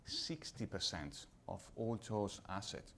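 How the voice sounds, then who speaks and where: A man from Italy with an Italian accent, speaking on a conference panel as a pharma executive, measured and slightly halting in English. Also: fairly low pitch, very animated, creaky, fairly bright tone, slight background noise.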